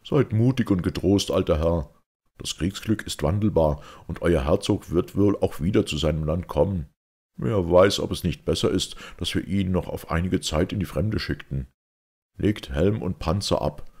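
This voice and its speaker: A man voicing a warm, fatherly veteran commander in an audiobook. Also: low voice, normal speed, husky, pitched above the performer's own voice.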